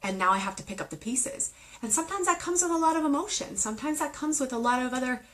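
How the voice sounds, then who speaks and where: A woman's voice: high voice, expressive, fast talker, a bit bright, rough recording. A woman in her thirties giving an earnest, emotional spiritual talk on a live video stream, then leading a guided meditation. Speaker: meditation teacher. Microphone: phone or webcam on a live video stream.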